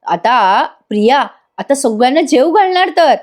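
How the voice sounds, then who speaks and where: A woman's voice: high-pitched, big pitch swings, moderate pace. A woman with a Marathi accent voicing an amused, teasing young husband, in a serial recap.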